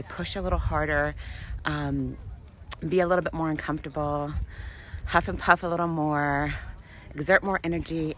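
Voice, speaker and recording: A woman speaking in an enthusiastic, motivational vlog style into a handheld phone on an outdoor mountain trail, laughing often. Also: sits low. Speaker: vlogger. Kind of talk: motivational vlog while hiking. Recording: outdoor noise with passing traffic.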